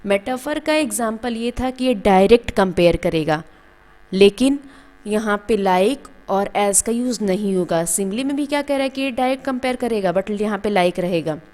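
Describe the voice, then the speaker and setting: A woman's voice: mid-range voice, lively intonation, moderate pace, a little mellow. Woman teacher explaining step by step. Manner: explains step by step, asks and answers own questions; calls students "beta". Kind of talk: classroom grammar lesson.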